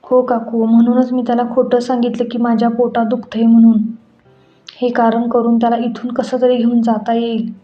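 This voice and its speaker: A woman's voice: on the high side, monotone, normal speed, close to an everyday voice. A woman voicing a plaintive young wife. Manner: plaintive, feigning pain. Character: young wife, faking pain, troubled and tearful. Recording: echoey room, dull sound, faint music.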